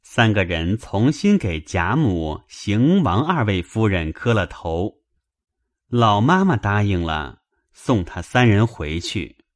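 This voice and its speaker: Man, narrator, deep low voice, lively intonation, dramatized novel reading. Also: no room sound, studio quality. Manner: measured storytelling, also voicing male characters.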